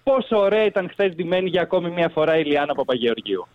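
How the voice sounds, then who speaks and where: A man on a morning radio show, gossiping quickly about fashion. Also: on the high side, very animated, phone-quality sound.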